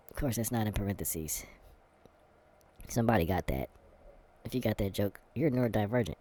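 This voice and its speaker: A male vlogger with a mid-range voice takes an online quiz on camera, mumbling and tripping over the questions as he reads them out. His answers come with deadpan sarcasm and darkly funny rants.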